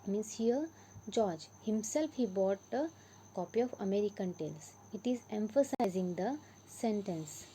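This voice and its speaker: A woman with an Indian English accent teaches a grammar lesson in a patient, repeating way, pressing hard on the key words of each example. Her voice is mellow and warm, sitting at an ordinary pitch for a woman. A faint hum runs under the recording. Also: expressive, measured pace, poor audio.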